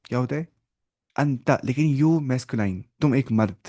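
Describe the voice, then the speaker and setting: Male teacher, patient step-by-step explainer who quizzes his class, warm mellow tone, dry close sound. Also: medium pitch, no echo. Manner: repeats key words and asks the class quick check questions; patient step-by-step explaining, mixing in English terms. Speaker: Arabic teacher. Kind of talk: online language lecture.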